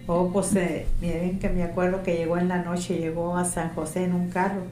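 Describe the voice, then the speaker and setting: Middle-aged woman, low strong voice, storytelling, echoey room with a faint hum. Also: moderate pace. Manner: animated, strong voice, acts out remembered dialogue. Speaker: interviewee, mother of the interviewer. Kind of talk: casual family storytelling.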